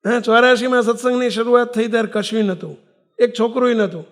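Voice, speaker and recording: An older man, a monk, speaks in a very high voice at a fast clip. He is preaching a sermon and telling a story in an animated way, acting out the voices of the people in it.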